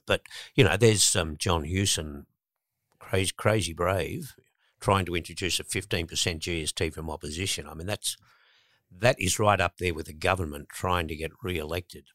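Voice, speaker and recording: Male guest, very low voice, emphatic, dry studio sound. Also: fairly bright tone, no room sound. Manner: emphatic, rising to indignant stresses, some repeated words. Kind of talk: conversational political commentary.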